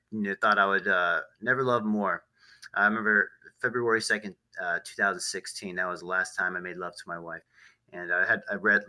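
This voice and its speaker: A man hosts a casual discussion podcast, and his voice sits a bit low with a very bright, forward edge. He talks haltingly, restarting often and leaning on fillers as he thinks aloud. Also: rough recording. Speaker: podcast host.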